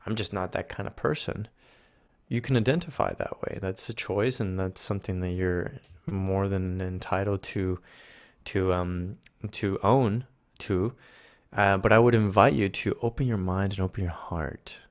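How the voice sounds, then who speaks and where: Man from Argentina, low voice, earnest, gentle mentor tone. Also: a little slow. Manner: soft, earnest, gently encouraging. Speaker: guest, spiritual mentor. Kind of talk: reflective conversation.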